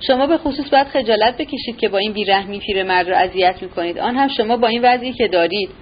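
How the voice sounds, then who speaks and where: A woman's voice: mid-range voice, dull audio, slight background noise, lightly acted. A woman voicing a distressed middle-aged mother who speaks reproachfully.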